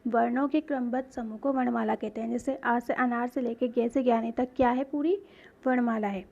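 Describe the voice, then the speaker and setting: A woman's voice: on the high side, fairly even intonation, fairly quick, creaky, a little mellow, muffled recording. A woman teaching a grade-school grammar lesson, asking questions and answering them herself, spelling out sounds one by one.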